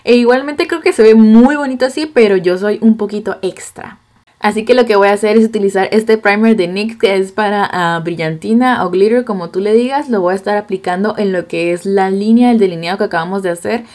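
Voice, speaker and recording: A woman's voice: medium pitch, fairly quick, darkish tone. Makeup tutor, female, chatty and teasing, casual step-by-step delivery. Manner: chatty and playful, with teasing asides. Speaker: makeup artist.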